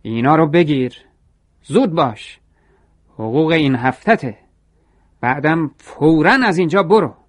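A man voicing an angry middle-aged shop manager who yells curt orders at an employee. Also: a little high, expressive, pauses often, voice pushed up. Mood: furious.

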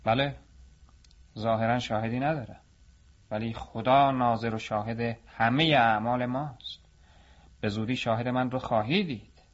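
A wronged young potter fights for his pay in this storybook tale, voiced by a male reader. His voice sits at a middling pitch with a defiant, protesting edge. The recording sounds dull and lo-fi. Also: fairly even intonation, long pauses, lightly acted. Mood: resolute.

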